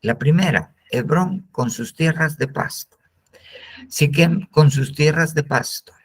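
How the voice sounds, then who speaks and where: A man's voice: a little high, slow, slightly rough. A man with a Guatemalan Spanish accent teaching a Bible discipleship class, repeating phrases for emphasis.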